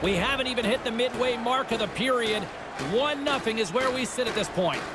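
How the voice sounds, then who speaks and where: A man doing scripted play-by-play commentary for a hockey video game, brisk calls that rise on shots. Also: extremely high pitch, heavy background noise. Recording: game audio with loud music and crowd.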